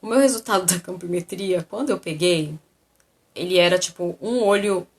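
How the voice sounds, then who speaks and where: A woman's voice: lowish voice, moderate pace. A woman telling her own story in a casual vlog, acting out the dialogue as she goes. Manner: animated, acts out the dialogue.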